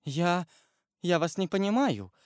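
A man's voice: sits high, very animated, unhurried, a little mellow, dry recording, clean studio sound, voice pushed up. A man putting on a frightened, pleading noblewoman. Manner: pleading, trembling, faltering. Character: frightened noblewoman, wife of a prosecutor.

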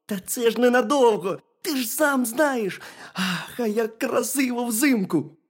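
A storyteller voicing a lively, kind little hedgehog who cheers up his sad friend in a storybook tale. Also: mid-range voice, a little slow, pitched above the performer's own voice, lightly acted. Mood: soothing. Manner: coaxing, upbeat, exclaiming. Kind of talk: storybook reading.

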